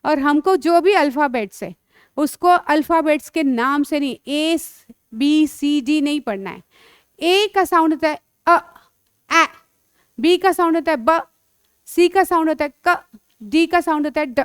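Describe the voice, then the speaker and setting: A woman teaching children phonics, sounding out letters slowly and coaxing the pupils along. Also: sits high, no echo, studio quality. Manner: slow, drawn-out sounding of letters; coaxing, calls pupils beta.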